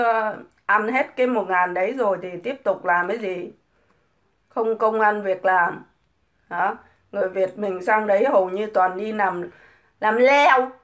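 A woman's voice: medium pitch, fairly bright tone, lo-fi sound. A middle-aged woman ranting scornfully on a casual livestream, full of mocking rhetorical questions. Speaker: livestream host.

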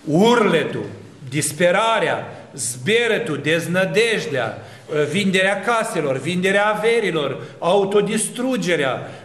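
A man's voice: sits high, animated, fairly bright tone, echoey room. A man preaching an Orthodox sermon, asking rhetorical questions and building long spoken lists. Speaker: Orthodox priest.

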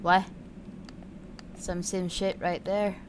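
Video game music runs under this casual let's-play, where a woman thinks aloud as she plays, frequently drifting off mid-thought. Her lowish voice is flat and unhurried, and there's some background noise.

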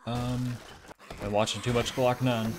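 A man's voice: medium pitch, little pitch movement, a little slow, noisy background. A man giving casual, chatty commentary while playing a survival game, joking at himself as he loots. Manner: chatty, self-mocking, talks to himself while looting.

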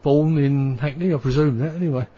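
A little fast and mellow, a mid-range male voice comes through dull audio: a London-accented radio host from England, chatting casually and rambling with fillers.

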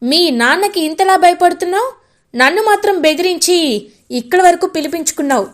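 A woman's voice: very high-pitched, animated, a little fast, pitched above the performer's own voice. A woman voicing a young man who keeps pleading his love with playful persistence, in a retold serial story.

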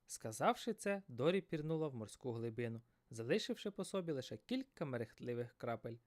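A man narrating a fairy tale in an expressive, dramatic storybook style. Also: medium pitch, fairly quick.

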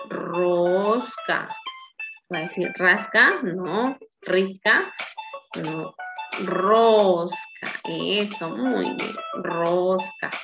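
Slow patient woman teaching children. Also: fairly low pitch, lo-fi sound. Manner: patient, checks in with "¿sí?". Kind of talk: children's phonics lesson.

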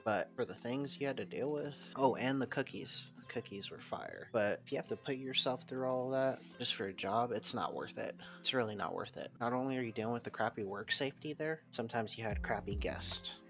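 A man's voice: medium pitch, lively intonation, fairly quick, few pauses, fairly bright tone. A man, a former hotel night clerk, telling blunt, rambling stories about his old job in a casual vlog. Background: background music.

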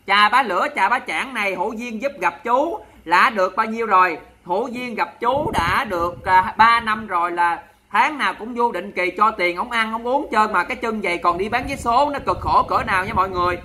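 A man from Vietnam's Mekong Delta, with a Southern Vietnamese accent, hosts a charity livestream and chats with viewers in a sassy, dramatic way, teasingly scolding them. His voice sits high and sharp, and he keeps a moderate pace with hardly any pauses over slight background noise.

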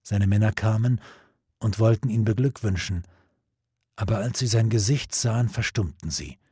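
A man narrating an audiobook in a measured, dramatic storytelling manner. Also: fairly low pitch, mellow, breathy edge, no room sound, studio quality.

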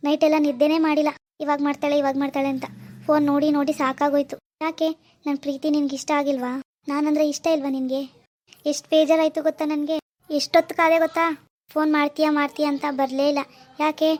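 A woman's voice: high voice, little pitch movement, quick pace, darkish tone, lightly acted. A woman voicing a heartsick young male suitor who pleads and complains in a village family drama. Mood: pleading.

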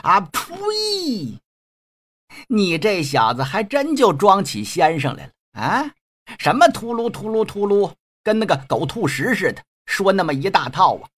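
A man voicing a brash, mocking male street thug in a storytelling performance, with a husky voice. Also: high voice, very animated, moderate pace. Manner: rough, mocking, blustering.

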